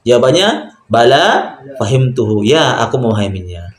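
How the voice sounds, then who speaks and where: A man teaches Arabic grammar in a calm, step-by-step way. He checks that his student understands and praises correct answers. His voice sounds roomy, with a strong echo around it. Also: medium pitch, moderate pace. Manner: patient, explains step by step, often says "Masya Allah". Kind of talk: online Arabic grammar lesson.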